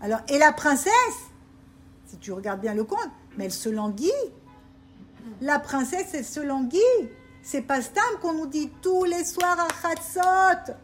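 High-voiced woman preaching emphatically. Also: lively intonation, a little slow, slight background noise. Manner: emphatic, repetitive, questioning listeners. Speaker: religious teacher. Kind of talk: informal Torah talk to women.

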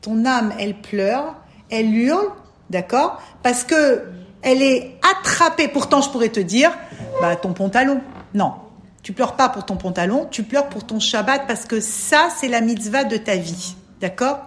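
A woman's voice: a little high, expressive, unhurried. A woman explaining religious teaching to a listener in an emphatic, coaxing way, often calling for attention. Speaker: spiritual advisor.

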